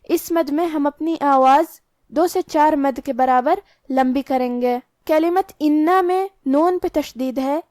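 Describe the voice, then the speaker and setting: A woman teaching Quran recitation, explaining pronunciation rules in a measured, step-by-step way. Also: high-pitched, darkish tone, no room sound, studio quality. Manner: measured, step-by-step instructional delivery.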